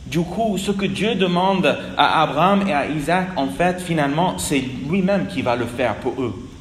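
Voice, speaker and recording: A man preaching a sermon in a slow, earnest manner, his voice dropping at the ends of phrases. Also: fairly high pitch, expressive, a little hiss or hum. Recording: echoey hall with long reverb.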